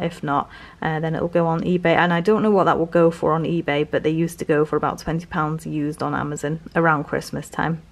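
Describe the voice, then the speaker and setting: Low-pitched British woman, casual and rambling. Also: darkish tone. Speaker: reseller vlogger. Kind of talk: casual haul commentary.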